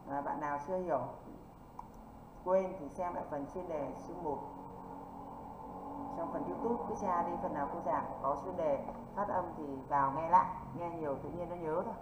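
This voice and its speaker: A woman English teacher from northern Vietnam, running an online exam-prep lesson and constantly checking in with quick rhetorical questions. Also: deep voice. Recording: echoey, dull lo-fi with faint noise.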